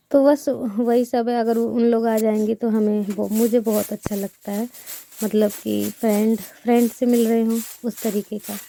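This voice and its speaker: Her voice is fairly high, creaky and mellow, captured dry. The young village vlogger from India has a sore throat as she chats in a rambling, friendly way to viewers while she sweeps and plasters her house with mud.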